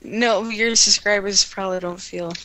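A woman's voice: mid-range voice, steady tone, moderate pace, crowd noise. A woman playing along as a guest in casual gameplay chat, dry and sarcastic in her banter. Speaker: guest player. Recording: noisy home recording.

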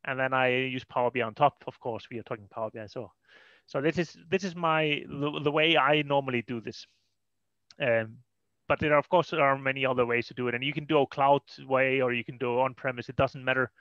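Speaking fairly quickly in a medium-pitched, fairly bright voice, this data consultant gives an informal technical explanation at an online meetup. He has an Icelandic accent, often says "you know," and is indoors on a video call, heard without echo through dull lo-fi online audio.

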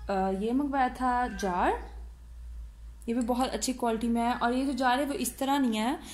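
A woman hosting her cooking channel, chatting casually through an unboxing review of baking supplies and often pausing to fill gaps as she shows each item. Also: on the high side, darkish tone. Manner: chatty, frequent hesitations, shows items one by one. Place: indoors at home, seated over a box.

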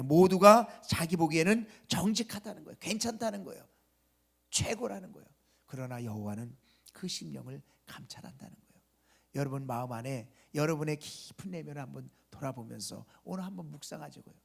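A male pastor preaching at an early morning church service, asking the congregation rhetorical questions and dropping from loud emphasis to a soft whisper at the ends of phrases. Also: fairly high pitch, gravelly. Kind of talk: sermon.

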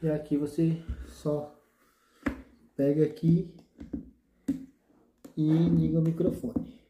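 In a small, echoey indoor room, a man in his thirties casually shows off his motovlog gear, laid-back and full of slang fillers. His voice is a little high, with a level tone, slow pace and dark timbre, over slight background noise.

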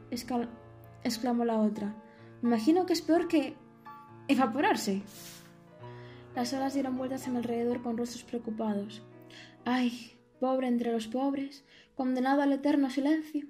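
A woman's voice: fairly high pitch, warm tone, close to an everyday voice. A woman voicing squealing gossipy sea waves. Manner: squealing, melodramatic, chattering. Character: pair of mocking, gossipy, theatrical sea waves. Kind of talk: audiobook character voice.

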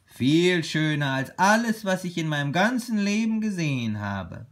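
A man voicing a calm, capable young male bear in a read-aloud children's story, with a gentle, reassuring manner. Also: fairly high pitch, moderate pace, voice pushed up. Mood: amazed.

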